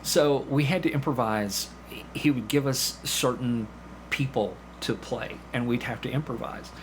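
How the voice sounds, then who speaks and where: In a casual podcast interview, a man who acts in community theatre shares stories and plays out dialogue. His mid-range voice is unhurried, and the background is noisy.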